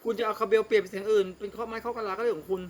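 Thai man teaching music software. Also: high-pitched, steady tone, very fast. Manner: talks directly to viewer, repeats "see?" often. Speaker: music tutorial host. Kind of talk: casual screen-recorded software tutorial.

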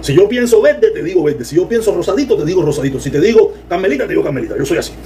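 A Cuban man with a Cuban Spanish accent, giving sarcastic, animated political commentary on a livestream and reading viewer comments. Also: high-pitched, very fast. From Cuba.

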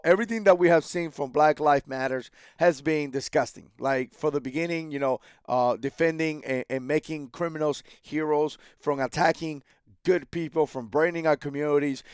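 A Cuban-born man in his thirties hosts his own channel from a small home studio room, speaking into a headset mic with a slightly high voice. His opinion commentary to camera is indignant and emphatic, full of repeated phrases and restarts. The sound is clean studio quality with no room sound.

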